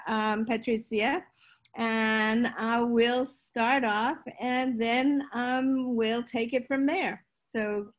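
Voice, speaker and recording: An older woman hosting a roundtable on a video call, loose and unhurried with many fillers. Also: on the high side. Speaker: roundtable host. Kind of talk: online roundtable moderating. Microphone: laptop webcam, video call.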